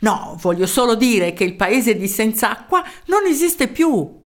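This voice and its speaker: A hearty, jolly mayor of a small village, as a woman reading a storybook voices him. He speaks briskly, close to the reader's own voice. The pitch sits a little high and moves a lot. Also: big pitch swings. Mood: warm.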